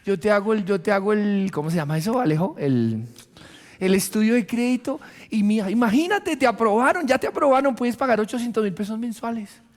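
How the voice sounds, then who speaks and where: A smooth-talking female car saleswoman, coaxing and reassuring, as a man puts her on. She is pitched a little above his own voice. Long reverb from a church hall trails behind every phrase. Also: expressive, fairly quick, a little mellow.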